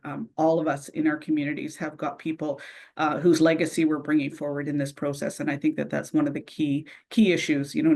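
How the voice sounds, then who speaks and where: Panel moderator, female, gravelly and narrow-ranged, appreciative tone, lots of "um". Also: sits low. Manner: warm, appreciative, halting with fillers. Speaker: forum moderator.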